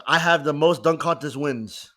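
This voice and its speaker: A man with a slightly high voice reads trivia questions to his co-hosts on a casual podcast. He hesitates, stumbles and restarts as he reads. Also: moderate pace, a bit bright.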